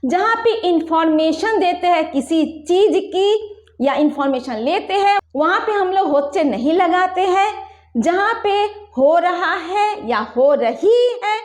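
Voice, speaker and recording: A woman teaching a language lesson at a board, explaining patiently and slowing down to spell out example phrases. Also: extremely high pitch, expressive, roomy sound. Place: room with a whiteboard.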